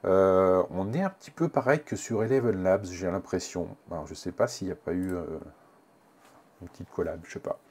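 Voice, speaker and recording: A man presenting a casual software tutorial, thinking aloud with many fillers and restarts. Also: low-pitched, normal speed, slightly rough.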